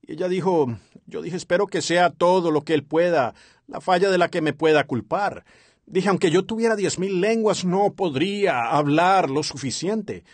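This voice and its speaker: A man's voice: sits high, normal speed, dry recording. A man dubbing a sermon as an interpreter, earnest and following the preacher's rhythm, on a close studio mic. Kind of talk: dubbed sermon translation.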